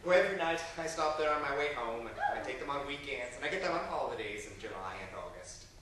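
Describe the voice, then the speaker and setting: A man's voice: medium pitch, expressive, fast, fairly bright tone, natural voice. Someone playing a fussy, weepy divorced father. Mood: wistful. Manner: fretful and sentimental, prone to tearful outbursts. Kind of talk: stage play acting. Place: stage in a large hall. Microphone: distant room mic. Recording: echoey hall from far off, faint hiss.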